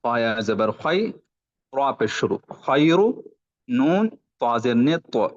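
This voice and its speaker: Swinging widely in pitch around a mid-range center, a man teaches Quran reading over the internet on lo-fi audio. His method is slow, syllable-by-syllable drilling of letters and vowel marks, backed by short rule explanations.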